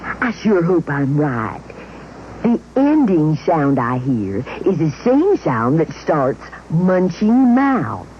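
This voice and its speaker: A woman's voice: low voice, very animated, slow pace, exaggerated voice. A woman playing a nervous, dithering female dancing dragon in a theatrical children's puppet show. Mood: flustered. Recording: dull, hissy old TV soundtrack.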